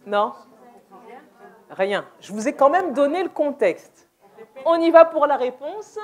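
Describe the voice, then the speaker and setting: Brief: woman, higher voice, unhurried church workshop presenter, playful, laughs often, restarts her phrases. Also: animated. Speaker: deaf ministry presenter. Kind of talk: interactive church workshop talk. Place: church hall, indoors.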